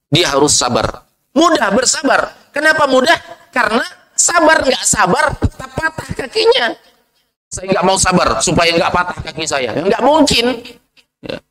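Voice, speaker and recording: A man preaching a sermon, lively, asking the audience questions and answering them himself. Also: rough recording. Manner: lively, swings from low asides to high rhetorical questions.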